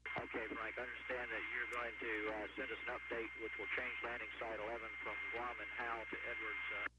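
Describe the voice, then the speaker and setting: A man speaking as an astronaut over a breaking-up space-to-ground radio link, giving brisk, clipped readbacks in radio procedure. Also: mid-range voice, level tone. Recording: loud static, distant radio link.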